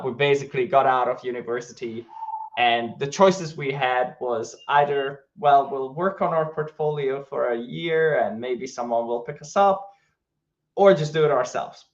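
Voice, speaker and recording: A man from Hungary with a Hungarian accent, a game studio co-founder chatting casually in an interview, relaxed and full of fillers and restarts. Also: medium pitch, normal speed, dull audio.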